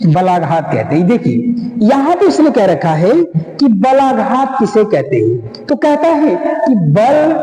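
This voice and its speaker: A man teaching a grammar lesson, repeating phrases and drawing out words slowly for emphasis. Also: sits high, warm tone. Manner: slow, repetitive, drawn-out words for emphasis. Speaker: Hindi teacher. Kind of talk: lecture explaining grammar. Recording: echoey room with faint noise.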